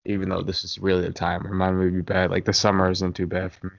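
A man's voice: sits low, completely flat delivery, quick pace, creaky. A young American man chatting casually on a podcast in a frat-bro manner, full of slang and swearing. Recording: dull lo-fi audio.

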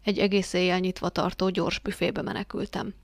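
A woman voicing a haunted, guilt-ridden father confessing in a flat, hollow tone that breaks into agitation. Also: fairly low pitch, no echo.

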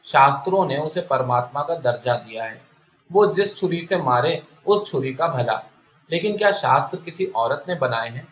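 A man reads a literary story aloud in a steady, even way. His voice sits a little high for a man. The recording carries a clear roomy echo. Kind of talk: scripted story narration. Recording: echoey room.

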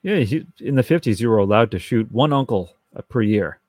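A man's voice: lowish voice, expressive, a little fast, darkish tone, no echo, clean studio sound. A man co-hosting a podcast, chatting casually about a film with wry jokes and theories. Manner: jokey asides, wry theories. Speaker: podcast co-host. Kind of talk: casual movie recap chat.

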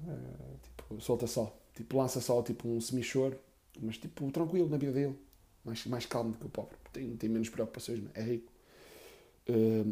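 Crude rambling comedian. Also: male voice, mid-range voice, mellow. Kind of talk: stand-up storytelling.

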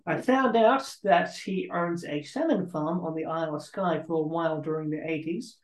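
Soft-spoken male host in an echoey room. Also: on the high side, normal speed. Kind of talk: casual chat.

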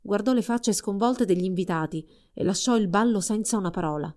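A woman reading a fairy tale aloud in a calm, expressive storybook narration. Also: mid-range voice, a little fast.

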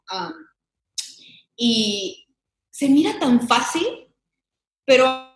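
A woman's voice: medium pitch, fairly bright tone. A young Mexican woman, a comedy sketch creator, chatting animatedly as an interview guest, often laughing. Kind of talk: casual interview chat. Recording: echoey room.

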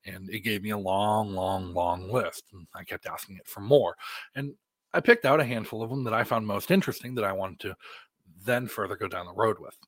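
An American man delivering a podcast monologue as host, in deliberate phrases with emphatic stresses. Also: lowish voice, no room sound.

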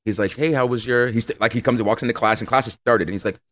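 Rapid-fire and mid-range, this man's voice carries his stories as a podcast guest in a casual interview. He's animated, performing the voices of those he quotes.

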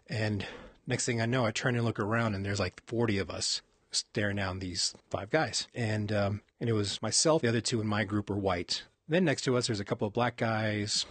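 Podcast host, man in his forties, low husky voice, dry close sound, rambling storyteller. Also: fairly bright tone, no echo. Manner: rambling, self-correcting, profane. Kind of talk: casual storytelling monologue.

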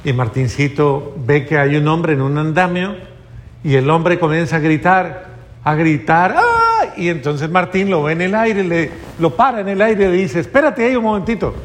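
A man's voice: on the high side, normal speed, a little hiss or hum. A male preacher giving a sermon in a hall, telling stories animatedly and addressing his audience directly.

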